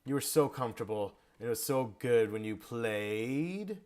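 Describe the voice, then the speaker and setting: An energetic man coaching a drummer, explaining technique in a quick, friendly teaching voice. He sings the rhythms aloud as he goes, with a voice of ordinary pitch for a man. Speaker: drum instructor giving feedback. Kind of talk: video lesson feedback.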